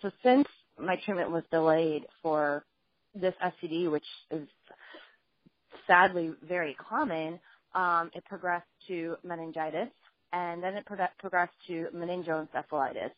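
A woman journalist and author, a guest in a phone interview, telling her life story in an earnest, steady way. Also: lowish voice, a little slow, dry recording. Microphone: phone line. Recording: dull lo-fi phone line.

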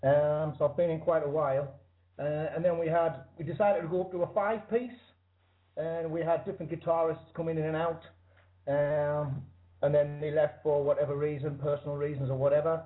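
A British man chats casually as a musician being interviewed. His voice sits slightly high. It comes over a narrow, tinny internet call. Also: fairly even intonation, fairly quick. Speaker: interview guest, band musician. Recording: thin internet call line.

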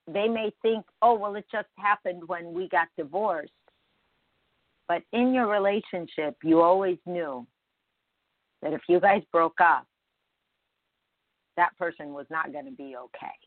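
A woman's voice: fairly low pitch, a little slow, long pauses, dry recording, phone-quality sound. A woman hosting a morning show, talking conversationally and emphatically straight to her listeners in a reflective spiritual monologue.

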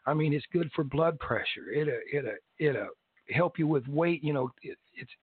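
Talking about hemp as a guest in a casual interview chat, this man rambles, frequently restarting and giving small laughs. His fairly high voice has a breathy edge at normal speed, and the dry recording sounds tinny, like a phone.

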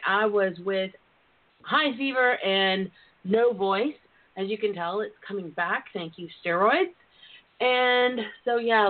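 A woman hosting a bawdy, casual radio talk show in a frank, profane, effusive way, with drawn-out greetings and terms of endearment. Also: mid-range voice. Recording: phone-like, narrow-band internet radio line.

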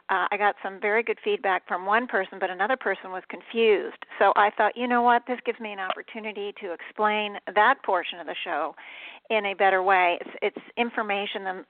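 A woman's voice: mid-range voice, dry recording. A woman radio host talking over the phone in a chatty, rambling way, often correcting herself. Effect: calling in over the phone. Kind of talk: casual spoken monologue. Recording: tinny dry phone line.

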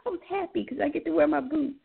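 Woman, froggy hoarse voice, gravelly creak, casual co-host chat, tinny phone-line sound. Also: high-pitched, fast talker. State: hoarse, losing voice.

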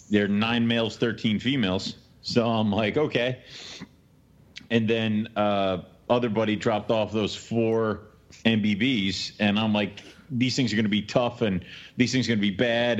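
A man's voice: lowish voice, highs cut off. A man hosting a podcast, chatting casually and informally in colloquial language. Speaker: podcast host.

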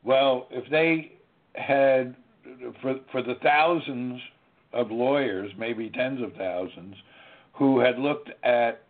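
Slow-talking man on a phone line. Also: medium pitch. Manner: slow, deliberate, with many fillers and restarts. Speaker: show host. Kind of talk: legal talk show interview. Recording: tinny phone-line sound.

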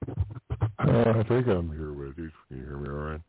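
Very deep husky man calling in by phone. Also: expressive, dry recording. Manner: halting, many fillers and restarts when chatting. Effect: heard over a phone line on a radio call-in show. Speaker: radio show caller reciting a poem. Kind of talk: poetry recitation and casual chat. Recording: tinny phone line, dry.

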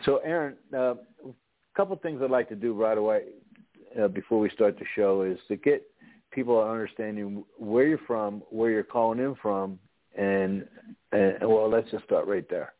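A middle-aged man hosting a radio show, a little low-pitched, friendly and rambling as he fumbles through restarts. The sound is dry and narrow, like a phone line. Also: normal speed, no echo. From Philadelphia. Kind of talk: casual radio interview. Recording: tinny phone-like radio audio.

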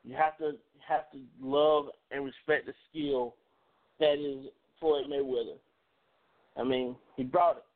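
Over a narrow, phone-like line, a sports talk radio host chats casually about sports in a mid-range, unhurried voice. He rambles, repeats words, and stays animated.

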